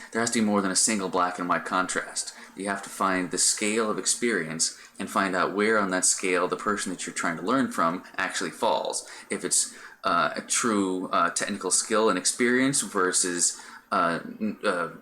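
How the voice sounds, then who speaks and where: Low-voiced man rambling on stream. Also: normal speed, bright, forceful tone, slight background noise. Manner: rambling, many fillers and restarts. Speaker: Twitch streamer. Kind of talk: casual live-stream chat.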